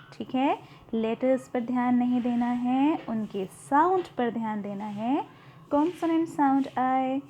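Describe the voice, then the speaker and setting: High-voiced woman teaching grammar. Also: darkish tone, dull audio, slight background noise. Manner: repeats key points, asks and answers her own questions; reads English example sentences slowly and clearly. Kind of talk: grammar lesson for students.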